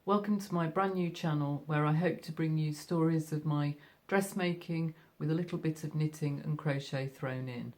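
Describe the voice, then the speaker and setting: A middle-aged sewing vlogger from Yorkshire, England, chats casually to camera from her sewing room at home, friendly and full of fillers. Her voice is deep and darkish, with fairly even intonation, a moderate pace, and few pauses.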